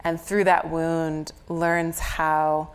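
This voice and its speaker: On stage at a live venue, a woman astrologer explains a chart reading in a conversational way. She has a slight head cold, and her low, smooth voice keeps a level tone as she draws out her words.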